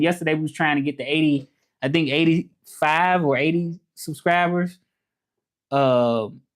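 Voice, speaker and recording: His voice sits on the high side. He's a man in his thirties from Memphis, Tennessee, with a Southern accent, a French teacher hosting a relaxed livestream where he greets viewers, repeats himself, and urges subscribing.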